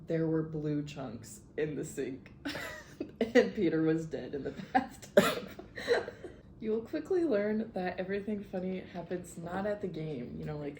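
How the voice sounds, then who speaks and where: A woman's voice: medium pitch, darkish tone, slight background noise. A young woman with an Iowa accent, teasing and giggling in a casual chat with a bandmate. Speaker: college band member.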